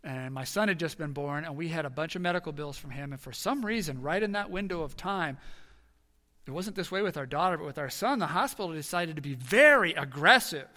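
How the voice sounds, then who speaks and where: A man in his thirties preaching a sermon as a pastor, telling a personal story earnestly and swinging from hushed, quiet passages to loud, emphatic ones. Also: fairly high pitch, expressive, a little fast. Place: church sanctuary. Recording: long reverb of a large hall.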